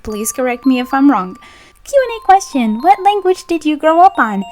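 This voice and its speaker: A young voice actress and channel host, native in Brazilian Portuguese, chats through a fan Q&A with giggly, bubbly playfulness. Her high voice swings widely in pitch at a moderate pace with a darkish tone, and faint music sits behind her.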